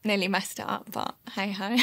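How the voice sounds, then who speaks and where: A woman's voice: medium pitch, fairly even intonation, unhurried, slight background noise. A woman footballer chatting casually after a match, cheerful and laughing often. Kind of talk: casual post-match interview.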